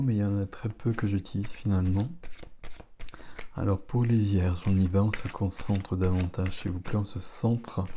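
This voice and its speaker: A middle-aged man doing a casual tarot reading, relaxed and chatty, exclaiming over the cards. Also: sits low, a little hiss or hum. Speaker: tarot reader.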